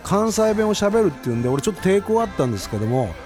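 A man's voice: high-pitched, big pitch swings, very fast, music in the background. A man in his fifties hosting a late-night radio show, chatting casually and telling rambling stories. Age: 50s. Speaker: radio host.

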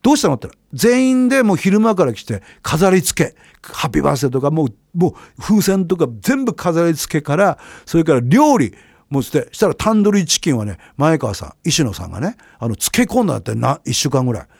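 Animated storytelling man, lively pitch. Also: fast talker, vocal fry, husky, no room sound, studio quality. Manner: animated, quotes people with voice changes. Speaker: radio host. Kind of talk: casual storytelling monologue.

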